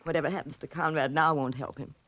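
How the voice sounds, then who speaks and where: A woman with a deep, a bit bright voice and fairly even intonation speaks fast, playing a guarded, desperate thirty-something in a 1940s radio melodrama. Her dramatic delivery shifts from haughty to anguished pleading. The vintage recording is faintly noisy.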